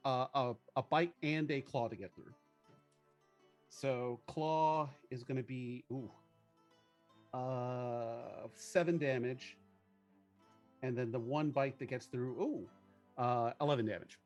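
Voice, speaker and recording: A man's voice: mid-range voice, a little slow, soft background music. A man chatting casually as a tabletop game player, joking and muttering through his numbers.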